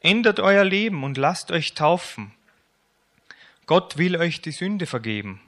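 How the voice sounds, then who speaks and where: A man voicing an adult male prophet who loudly and slowly calls the crowds to repent. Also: mid-range voice, expressive. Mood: urgent calling. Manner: loud, slow, proclaiming calls.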